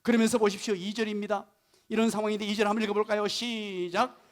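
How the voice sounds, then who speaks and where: A male pastor preaching a Sunday morning sermon in a church, animated and full of rhetorical questions as he explains Hebrew words of the text. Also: high voice, quick pace. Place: church sanctuary.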